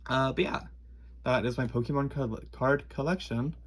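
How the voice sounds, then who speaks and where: A young man with a lisp and a husky, creaky voice, rambling and halting through a casual, sweary show-and-tell. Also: medium pitch. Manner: rambling, halting, enthusiastic wording. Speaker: card collector presenting a collection.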